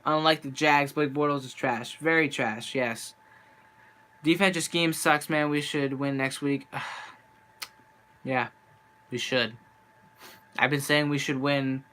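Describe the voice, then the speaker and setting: A man's voice: medium pitch, fairly even intonation, slow, pauses often, bright, forceful tone. A young man venting as a sports fan on a live stream, frustrated and rambling, with a voice worn from talking for nearly an hour. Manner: frustrated, rambling, restarts often. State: losing his voice. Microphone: handheld camera.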